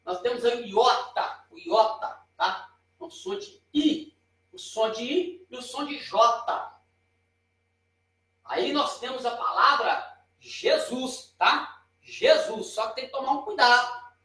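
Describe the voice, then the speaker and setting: A man's voice: very high voice, expressive, slow, pushed and bright, far from the mic. A man with a Brazilian Portuguese accent giving a chatty, informal lesson at a board, pointing and correcting himself as he explains. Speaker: teacher. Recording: very echoey room, voice off-mic.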